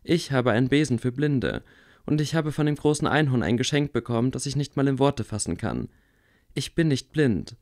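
A man reading aloud, voicing a calm, wry blind boy wizard who speaks quietly. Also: mid-range voice, normal speed, lightly acted. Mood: earnest. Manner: quiet, level.

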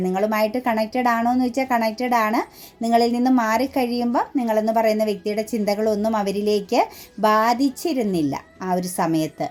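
A woman's voice: mid-range voice, darkish tone. A woman giving an earnest tarot reading straight to the viewer, talking with frequent fillers and restarts. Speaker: tarot reader.

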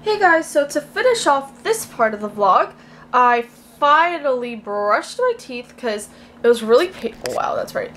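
A young woman chatting casually and excitably in a vlog, recorded on a handheld camera in a bedroom. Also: high-pitched, unhurried, a little hiss or hum. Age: young adult. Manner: excitable, gushing, informal. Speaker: vlogger. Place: small bedroom indoors. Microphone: handheld camera at arm's length.

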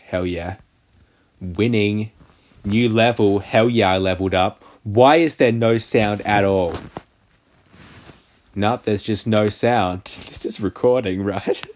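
A man doing casual gameplay commentary, sarcastic and crude, mocking the game. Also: fairly low pitch. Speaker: gaming channel host. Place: voice-over of a mobile game.

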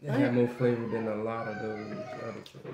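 A man's voice: mid-range voice, level tone, a little fast. A man chatting casually off camera as a taste tester, recorded indoors in a home. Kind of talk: casual chat. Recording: echoey room, clearly noisy, off camera.

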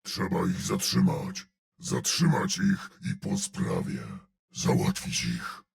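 An actor voicing a huge, gruff male brute in a video game, growling out terse battle callouts and dry sardonic remarks in a gravelly voice. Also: low voice, wildly swooping pitch, slow pace, full character voice.

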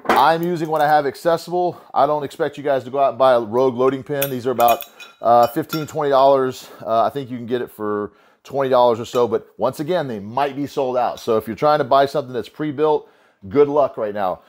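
A man's voice: medium pitch, brisk. Rambling man explaining his garage gym. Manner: loose, rambling, full of "uh" and restarts. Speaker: home gym lifter explaining a DIY build. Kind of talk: casual how-to explanation. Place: home garage gym, indoors. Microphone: camera a few steps away.

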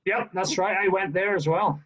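A man's voice: high voice, fairly even intonation, normal speed, over a noisy crowd. A man with an Aberdeen Scottish accent, a coach chatting in short, matter-of-fact replies. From Scotland. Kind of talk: casual chat. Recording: dull, lo-fi sound.

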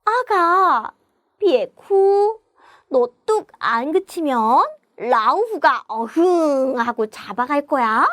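A woman's voice: high voice, animated, slow, fairly bright tone, dry recording, studio quality, exaggerated voice. A woman playing a soothing storybook mother. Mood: coaxing. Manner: coaxing, lulling. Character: gentle young mother soothing her baby. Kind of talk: children's puppet-show storytelling.

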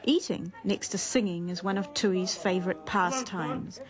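Woman, formal documentary narration, mid pitch, music behind. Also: measured pace.

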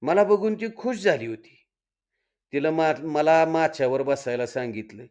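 A man's voice: on the high side, animated, measured pace, a little mellow. A storyteller reading aloud, voicing a cocky young village man who grumbles in rural dialect. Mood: recounting. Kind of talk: dramatic Marathi story reading.

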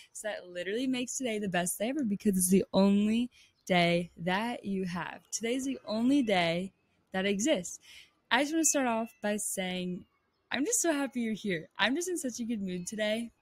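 Out on a rooftop terrace, a young Pennsylvania woman in her 20s hosts a casual podcast chat, bubbly and upbeat with many fillers. Her voice is mid-range with no room sound, captured on a large desk mic held close while she wears headphones.

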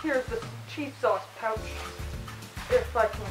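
A woman's voice: a little high, takes it slowly, roomy sound, music in the background, poor audio. A woman hosting a playful cooking tutorial in a home kitchen, chatty and mock-instructional, talking from inside a costume head. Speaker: channel host cooking in fursuit.

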